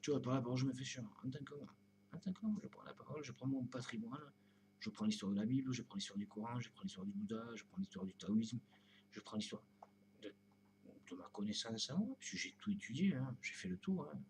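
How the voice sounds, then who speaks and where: A man's voice: mid-range voice, lively intonation, fast talker, darkish tone, a little hiss or hum. A man talking straight to his own videos in a rambling spiritual monologue, full of repeated fillers, often sinking to a whisper. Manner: drifting, repeats "tu vois", often drops to a whisper. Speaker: video blogger.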